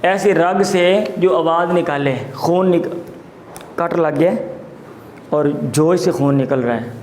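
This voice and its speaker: A male teacher gives a classroom lecture. He explains vocabulary term by term, repeating each word slowly. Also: fairly high pitch, darkish tone, reverberant, a little hiss or hum. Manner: explains words slowly, repeating terms, mixes in Punjabi asides.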